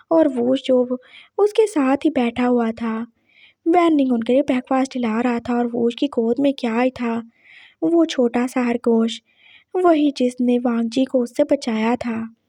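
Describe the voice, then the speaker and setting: A woman's voice: fairly high pitch, dark tone, dry recording. A woman telling a serialized story in Hindi, narrating and reading the characters' lines herself. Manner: reads dialogue of several characters herself.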